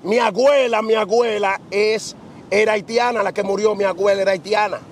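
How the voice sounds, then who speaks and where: A man's voice: high voice, steady tone, normal speed, a little hiss or hum. A middle-aged man preaching outdoors on a beach, asking rhetorical questions with emphasis. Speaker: preacher being interviewed. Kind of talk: preaching conversation.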